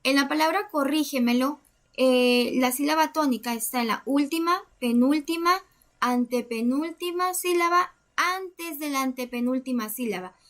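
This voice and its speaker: High-voiced woman teaching a lesson. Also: normal speed. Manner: methodical, counts syllables step by step. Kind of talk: explaining a grammar lesson.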